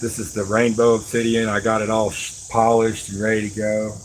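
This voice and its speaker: A middle-aged knife maker chats casually and folksily to his live stream viewers while working with his hands, rambling and addressing them directly. His voice is lowish and level, a little fast. The recording is rough, with slight background noise.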